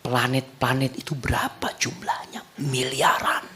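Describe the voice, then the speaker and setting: A man preaching to his congregation in an animated sermon. He swings from soft, hushed phrases to loud, high-pitched cries and keeps turning to the listeners with questions. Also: a little slow, slight background noise. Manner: addresses the congregation directly, asks them questions.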